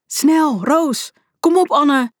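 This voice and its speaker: A woman voicing an excitable teenage boy in a storybook, eager and quick to hurry his friends along. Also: medium pitch, dry recording, clean studio sound, pitched above the performer's own voice, close to an everyday voice. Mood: urgent. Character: excitable teenage boy, sprinkles in English words.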